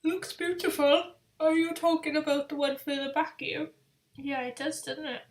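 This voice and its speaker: A tired woman hosting a live-stream quiz, rambling casually and reading each question out slowly, repeating it as she goes. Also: high-pitched, flat delivery. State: tired, yawning. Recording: echoey room sound.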